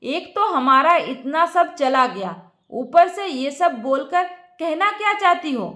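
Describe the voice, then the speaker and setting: A woman voicing an angry, sharp-tongued young wife who shouts accusations. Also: high voice, expressive, slow pace, echoey room, full character voice.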